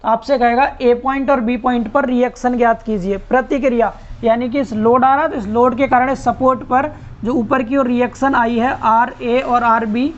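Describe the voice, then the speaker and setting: A man teaching an online lecture, explaining step by step and repeating key terms. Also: very high-pitched. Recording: muffled lo-fi recording.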